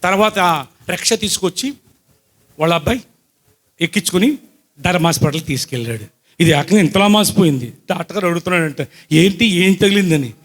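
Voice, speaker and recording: This high-voiced preacher speaks fast but pauses often, mixing scripture with his personal testimony for the congregation. He poses questions to listeners while telling his story and moves from loud excitement to quiet asides.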